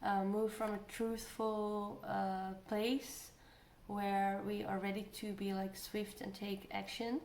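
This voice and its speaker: A woman reads tarot cards in a casual, musing way, thinking out loud and repeating herself as she works things out. Her voice sits at a middling pitch. The room adds noticeable echo, with audible noise behind her. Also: level tone, takes it slowly. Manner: musing, thinking aloud, trailing off and repeating phrases. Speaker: tarot card reader. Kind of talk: casual spoken tarot energy reading. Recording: roomy echo, clear background noise.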